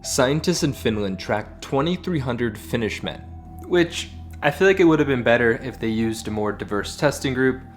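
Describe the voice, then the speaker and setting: A man's voice: medium pitch, expressive, moderate pace, faint music behind. A man presenting a vlog as host, speaking in an informal, enthusiastic, slangy way. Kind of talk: casual vlog presenting and narration.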